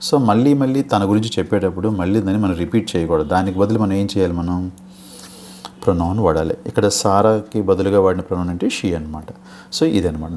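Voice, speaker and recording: A man's voice: deep voice, a little mellow, slight background noise. A man with a Telugu accent teaching English grammar for a teacher exam, explaining patiently and often checking in with "okay?". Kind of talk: exam-prep lecture in Telugu with English terms.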